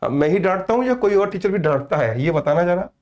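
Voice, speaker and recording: A man's voice: high voice, lively intonation, quick pace, darkish tone, lo-fi sound. A man in his fifties, a teacher chatting and teasing with students in an online class, often calling them "beta". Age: 50s.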